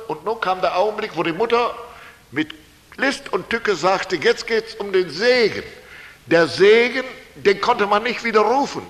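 A man's voice: high voice, a bit bright. A male preacher retelling a Bible story in a folksy, colloquial way, often tossing "nicht?" to his listeners. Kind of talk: sermon, Bible story retold. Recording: long hall reverb.

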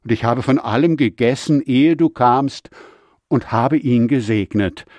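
A man voicing an old blind father who blesses his son in a solemn, measured scripture reading. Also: mid-range voice, a little mellow, no echo, lightly acted.

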